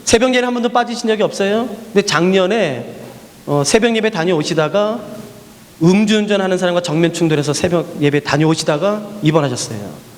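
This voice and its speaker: Brisk and pitched high, the missionary preacher's voice trails a long reverb through the church hall. He spins animated stories in his sermon, returning to refrains and posing rhetorical questions to the people.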